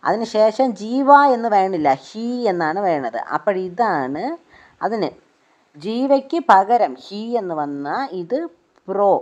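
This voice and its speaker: Slow, patient woman teaching grammar. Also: fairly low pitch, a little mellow. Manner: checks understanding with frequent rhetorical questions; slow, patient step-by-step explaining. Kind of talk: grammar lesson explained in Malayalam. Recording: dull lo-fi recording.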